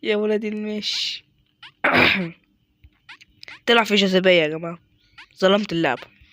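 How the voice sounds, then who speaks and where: This gaming YouTuber's voice is high and sharp, with fairly even intonation and a moderate pace, and he speaks with an Egyptian Arabic accent. Chatting casually over his play, he mutters, mocks his own slip-ups, and snaps into exasperated outbursts.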